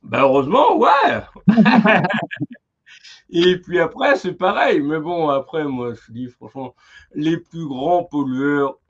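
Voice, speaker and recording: A man hosting a casual live-stream interview, talking in a halting way as he searches for his words. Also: mid-range voice. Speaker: interviewer, live show host. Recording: muffled lo-fi sound.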